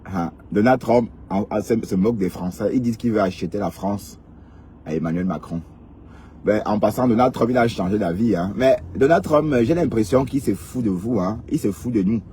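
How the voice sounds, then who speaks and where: A man's voice: lowish voice, a little fast, low-quality recording. A man chatting casually to live-stream viewers, teasing and joking, repeating words and tagging his lines with little asides. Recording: outdoor mic with loud street noise. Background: passing cars and street noise.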